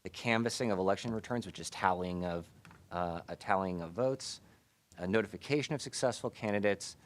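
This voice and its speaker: American man, low pitch, muffled through a face mask, formal meeting report, measured and halting delivery. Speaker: city staff presenter reporting to a committee. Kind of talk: formal public meeting presentation. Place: indoor city committee meeting room.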